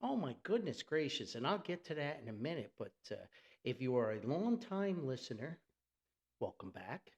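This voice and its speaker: An American podcast host from New Jersey delivers a chatty solo monologue with sponsor reads, folksy and theatrical, exclaiming and repeating words for emphasis. His mid-range, darkish voice has a sing-song lilt at a moderate pace.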